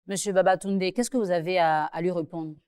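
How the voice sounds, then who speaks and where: A woman hosting as a mediator, asking two men to settle a dispute, speaking calmly and slowly. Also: fairly low pitch, clean tone, no echo, clean studio sound. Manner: calm, slow, measured. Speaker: mediator host.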